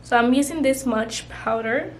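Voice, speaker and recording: A young adult beauty vlogger chats casually while doing her makeup, rambling with plenty of "like" and "you know." Her voice is a little high and she talks at a normal speed, with background noise present.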